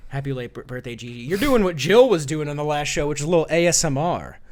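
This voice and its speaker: A man's voice: fairly high pitch, expressive, fast talker, darkish tone. A man hosting a live-streamed talk show, rambling with lots of fillers and restarts. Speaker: host.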